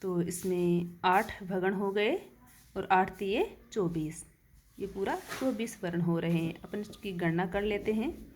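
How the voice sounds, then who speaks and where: A woman's voice: mid-range voice, slow, a little mellow, a little hiss or hum. A woman teaching a Hindi verse-meter lesson, counting syllables aloud and answering her own questions.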